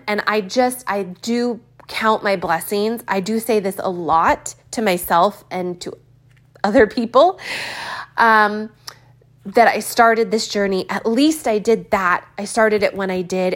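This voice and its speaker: A woman in her early forties talking candidly in a reflective personal vlog, thinking aloud with pauses and fillers. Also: mid-range voice. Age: 40s. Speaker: vlogger.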